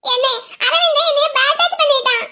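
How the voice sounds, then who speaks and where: Woman voicing a shrill naive girl bride. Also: normal speed, bright, forceful tone. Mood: tattling. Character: naive young girl bride, loud and chatty. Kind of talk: cartoon voice acting.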